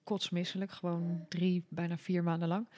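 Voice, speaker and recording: A woman speaking as an interview guest and recounting her story in a relaxed, unscripted way. She pitches her voice at a middle height and keeps her delivery candid, stopping often to search for words. Her manner stays plain and open. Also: moderate pace. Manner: hesitant, with frequent filler sounds and restarts; candid, laughs easily. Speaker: podcast guest. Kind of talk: casual personal storytelling in an interview.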